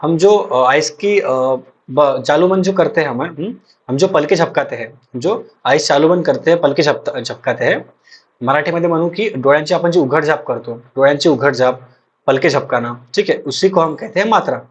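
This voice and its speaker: Man, lecture voice, husky, muffled lo-fi sound. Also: on the high side. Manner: explains slowly with many repetitions and check-ins. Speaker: teacher. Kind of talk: exam-prep lecture. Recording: dull lo-fi recording.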